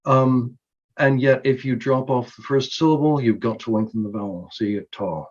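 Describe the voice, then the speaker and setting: A man presenting a conference talk on linguistics, explaining slowly and carefully with frequent ums and self-corrections. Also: mid-range voice, highs cut off. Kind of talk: recorded academic conference talk.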